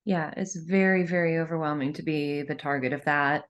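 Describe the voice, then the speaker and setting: Woman, podcast co-host, measured and thoughtful, wry humor. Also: low-pitched, fairly even intonation, lo-fi sound. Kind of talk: casual podcast chat.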